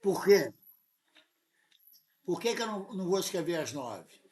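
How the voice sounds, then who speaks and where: This Brazilian Portuguese-accented math teacher is insistent in a live tutoring session, correcting the student often. His high voice is very animated and a little mellow, delivered at a measured pace.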